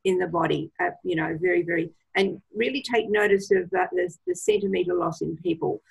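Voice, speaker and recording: Gravelly husky woman on a video call. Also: fairly low pitch, animated, fairly quick, low-quality recording. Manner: enthusiastic, gives advice with many fillers. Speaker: product trainer. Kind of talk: casual presentation on a video call.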